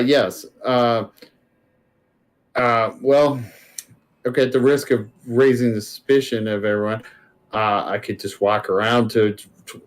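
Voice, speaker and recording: A man playing a tabletop game, thinking aloud as he works out a plan with the group. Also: mid-range voice. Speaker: player.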